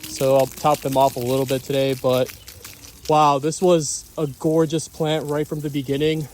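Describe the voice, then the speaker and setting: Casual garden vlogger, male, mellow tone, excitable and gushing, outdoor phone audio. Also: fairly high pitch, normal speed, slight background noise. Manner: enthusiastic, repeats praise words.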